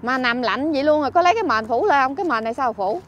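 High-voiced Southern Vietnamese woman fussing. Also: expressive, racing, a bit bright, a little hiss or hum. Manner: scolding and fussing, exclaims often. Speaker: vlogger helping homeless people. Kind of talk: casual on-street chat. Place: outdoors by a street.

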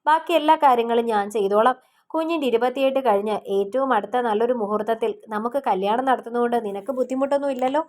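A woman reading the lines of a middle-aged father arranging a wedding in a storybook, in a slightly lower, earnest voice. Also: fast, darkish tone, lightly acted.

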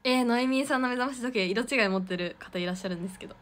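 A woman's voice: a little high, rapid-fire. A young woman hosting a casual idol livestream, giggly and chatty as she reads out viewer comments.

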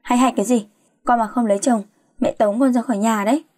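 A woman's voice: on the high side, steady tone, fast, a little mellow, no echo, lightly acted. Woman playing a nagging middle-aged mother, scolding, worried, dry close sound.

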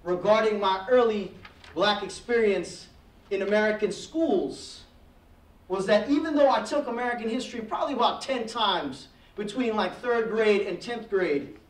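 A high-voiced man in his thirties from Trinidad speaks at a normal pace, sharing his personal story as a guest speaker at a heritage month event in a classroom with a projector screen. He stands away from the podium mic, gesturing and reflecting as his intensity builds. The echoey room is picked up from far off.

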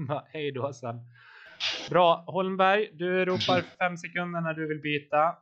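A man's voice: high voice, fairly even intonation, fairly bright tone, lo-fi sound. A man coaching his team live over voice chat during a virtual bike race, encouraging riders and calling out watts and turns.

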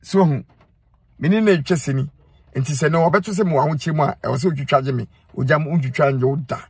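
Sitting in a car, a middle-aged Ghanaian man speaks Twi straight into his phone camera, held close, delivering an earnest, scolding advice monologue as a social media commentator and repeating lines for emphasis. His voice is fairly high, fast, a little mellow and slightly rough, in a dry recording.

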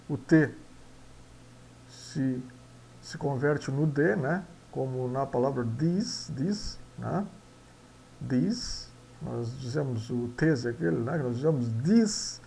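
Male teacher, slightly high, gravelly voice; drills pronunciation slowly letter by letter. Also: a little mellow. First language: Portuguese. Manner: spells out sounds letter by letter, repeats words, ends phrases with "né?". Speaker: English teacher. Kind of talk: slow pronunciation lesson.

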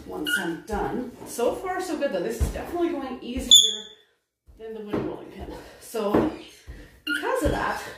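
A middle-aged woman rambles cheerfully about her day, thinking aloud as she works. Her voice reaches a phone set some distance away, so it rings around a hard, very echoey room. Steady household noise runs underneath. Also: medium pitch. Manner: chatty, thinks aloud while working. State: winded after a workout. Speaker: home vlogger. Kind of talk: casual running commentary. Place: home kitchen and dining room. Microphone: phone camera set across the room. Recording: roomy, distant phone audio with background noise.

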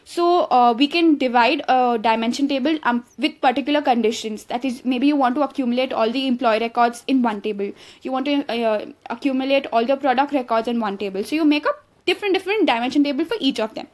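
A woman's voice: high-pitched, fast, a little mellow. A woman teaching an online course, explaining slides step by step, with many fillers and restarts along the way. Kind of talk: explaining slides in a recorded lesson. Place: voice-over on slides.

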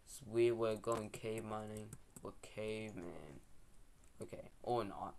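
A man's voice: fairly low pitch, level tone, unhurried, darkish tone, a little hiss or hum. A young man giving casual, rambling, slangy gameplay commentary as a video host.

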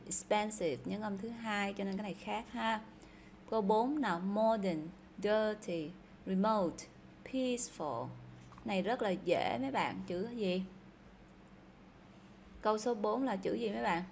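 Vietnamese lady teaching english, chatty, says each word twice, bit of hiss behind, medium pitch. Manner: chatty, repeats words aloud for students. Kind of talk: casual explanatory lesson.

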